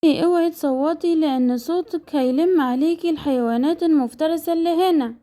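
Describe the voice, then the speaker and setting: Woman voicing a menacing, obsessed young man kidnapper, Egyptian Arabic accent, high-pitched, dark-toned, storybook narration. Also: a little fast, natural voice. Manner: menacing, accusing.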